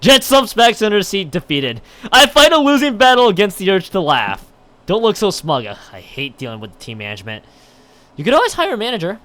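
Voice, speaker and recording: A live streamer with a high-pitched voice chats and reads a visual novel aloud, frequently stumbling and rereading his lines. He sounds very animated and brisk, with a sharp edge to his tone.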